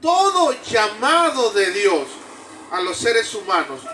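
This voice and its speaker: Slow, high-voiced male preacher. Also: very animated, pushed and bright. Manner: slow storytelling with repetitions. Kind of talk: sermon. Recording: distant mic with background noise.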